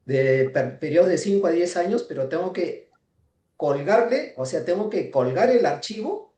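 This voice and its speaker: A man working as a consultant, giving a measured, explanatory comment in a workshop and listing points with tag questions. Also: sits high, expressive, mellow, reverberant.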